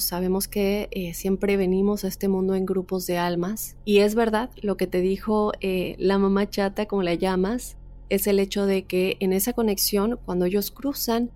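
A woman podcast host calmly reading a listener's paranormal story aloud and then commenting on it. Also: mid-range voice.

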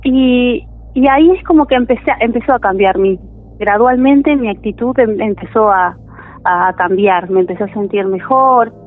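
A woman with a high voice and a Rioplatense Spanish accent calls in to share a personal story. She speaks haltingly, restarting phrases as her voice wavers with emotion. Her voice is tinny and narrow, as if coming through a phone line. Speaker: caller sharing a personal story.

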